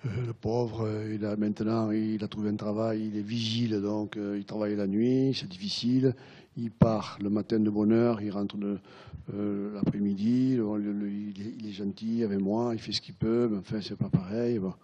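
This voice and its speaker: A man retelling a worried middle-aged wife's words in his own low voice, confiding and halting, often repeating himself. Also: flat delivery, mellow, breathy edge, dull audio. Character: worried middle-aged wife, drinking patient.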